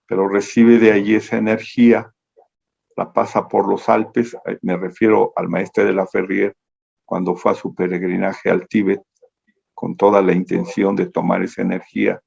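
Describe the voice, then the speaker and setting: Male lecturer on a video call. Monotone, low-pitched, meandering delivery that keeps circling back to correct itself. Dull lo-fi call audio. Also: creaky. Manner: meandering, self-correcting storytelling.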